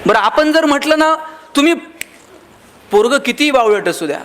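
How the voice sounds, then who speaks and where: Man, high voice, motivational speech, humorous storytelling, acts out quoted voices. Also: expressive, moderate pace, fairly bright tone. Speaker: motivational speaker. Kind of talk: motivational speech to a live audience.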